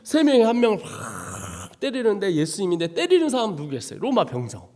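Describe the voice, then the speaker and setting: A man preaching a dramatic testimony sermon as a missionary, swinging from hushed to shouting. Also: high voice, huge pitch swings, a little fast, big-room sound. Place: church sanctuary.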